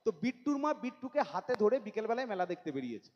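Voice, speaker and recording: Fast-talking high-voiced man doing stand-up. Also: sing-song, a little mellow, highs cut off, slight background noise. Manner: fast joking storytelling, acts out quoted voices. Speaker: stand-up comedian. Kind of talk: stage stand-up comedy. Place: stage at a local fair show.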